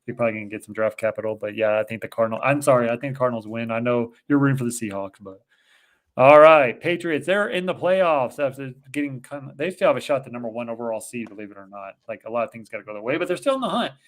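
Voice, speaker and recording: Animated and quick, a medium-pitched man with a Boston accent rattles off confident football predictions as co-host of a casual sports betting picks show.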